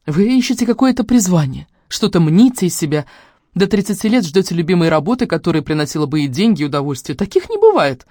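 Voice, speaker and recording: A woman's voice: fairly low pitch, sing-song, quick pace, dark tone, no room sound, clean studio sound, pitched above the performer's own voice. A woman voicing a nagging middle-aged mother who scolds and grumbles at her grown daughter. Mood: scolding.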